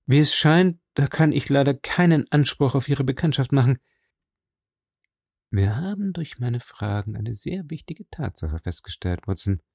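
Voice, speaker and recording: A man voicing a shrewd, calm detective who speaks measured and thoughtful. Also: medium pitch, no echo, clean studio sound, pitched above the performer's own voice, natural voice. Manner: measured, thoughtful, quietly probing.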